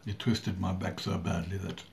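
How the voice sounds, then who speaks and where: Slow, low-voiced man. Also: little pitch movement, a bit bright. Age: middle-aged. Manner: halting, with long pauses and throat clearing. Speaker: vlogger. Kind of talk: casual talk to camera. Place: small room at home indoors. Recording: clearly audible background noise.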